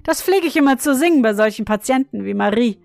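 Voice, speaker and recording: A woman voicing an odd old godfather and clockmaker, who chants a rasping, monotone clock song and speaks gruffly. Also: fairly high pitch, quick pace, no room sound. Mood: coaxing. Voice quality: rasping, monotone when singing.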